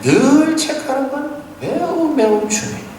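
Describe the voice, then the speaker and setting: A man's voice: very high-pitched, animated, unhurried, a little mellow, very echoey, big-room sound, a little hiss or hum. A male pastor giving a Sunday sermon in a church sanctuary. He exhorts earnestly, tells stories, and asks rhetorical questions, picked up by a distant room mic.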